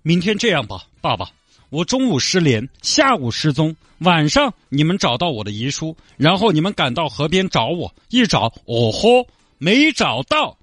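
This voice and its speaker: A man's voice: on the high side, big pitch swings, moderate pace, fairly bright tone, no echo. A man doing a breezy scheming young woman with a Sichuan accent. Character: scheming young woman faking her own death.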